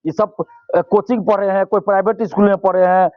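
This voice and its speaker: A man's voice: high-pitched, steady tone, a little fast, no echo, dull audio. A male student leader, giving impassioned interview answers and repeating phrases for force.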